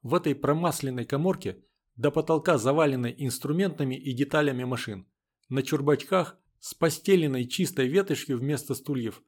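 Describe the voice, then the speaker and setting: A man narrating an audiobook in a steady, even storytelling voice. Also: mid-range voice, normal speed.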